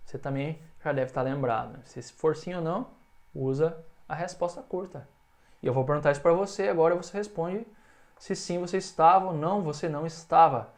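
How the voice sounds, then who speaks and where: A man's voice: a little high, brisk. A man with a Brazilian Portuguese accent, teaching English in a video lesson and stretching out example phrases for the learner to repeat.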